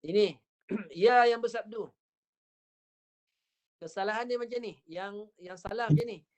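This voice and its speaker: A woman with a Malaysian accent teaching Quran recitation over a video call. She demonstrates each sound slowly and repeats it patiently. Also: mid-range voice. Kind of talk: online tajwid lesson.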